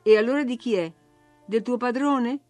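A woman's voice: on the high side, normal speed, darkish tone, no echo, faint music behind, voice pushed up, lightly acted. A woman voicing a spoiled, imperious young girl who gives orders and grows indignant, in a storybook reading. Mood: haughty. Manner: bossy, indignant, whiny.

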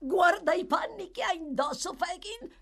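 Woman narrator doing a boy in fits of laughter: shrill, hooting, sky-high pitch. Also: wildly swooping pitch, takes it slowly, exaggerated voice. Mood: mocking glee. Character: boy shrieking with helpless laughter.

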